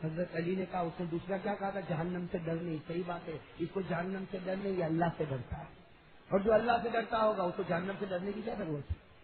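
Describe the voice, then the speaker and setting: A male preacher telling a story as a sermon, quizzing his audience and shouting to drive points home. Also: high voice, steady tone, reverberant. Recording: tinny lo-fi recording with loud crowd noise.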